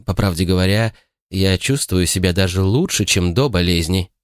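A man's voice: low-pitched, moderate pace, no room sound, studio quality, lightly acted. A man voicing a self-satisfied elderly spinster woman, talking in a raised, sweetly smug voice. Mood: gracious.

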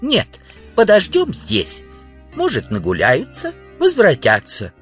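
A man voicing a timid, apologetic alien grasshopper in a children's audiobook, speaking in a high voice. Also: huge pitch swings, slow pace, husky, soft background music, full character voice. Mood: hesitant. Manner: apologetic, guilty.

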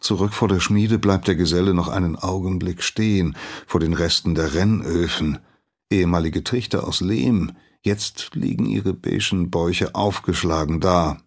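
A man narrating a scripted story in a calm, measured manner. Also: low-pitched.

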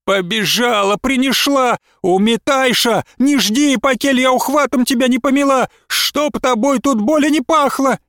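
A woman's voice: measured pace, hardly any pauses, a bit bright, no echo, studio quality. A man reading a story, voicing a furious old peasant mother-in-law who curses and screeches with a lisp. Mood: enraged. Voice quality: shrill, lisping screech. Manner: cursing, wailing, hurling insults.

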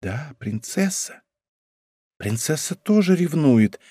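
A man's voice: on the high side, moderate pace, darkish tone, no echo, clean studio sound, pitched above the performer's own voice, lightly acted. A man voicing a timid, frightened young court lady, pleading in anxious exclamations in an audiobook reading.

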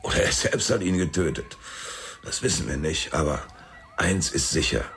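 Low, dry male narrator-detective. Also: animated, moderate pace, fairly bright tone. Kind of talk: radio drama narration.

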